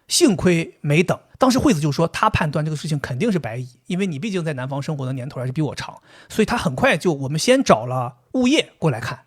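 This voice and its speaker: A man co-hosting a casual podcast, telling a story in an animated way and laughing often. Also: fairly high pitch, fast, few pauses, husky. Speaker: podcast co-host.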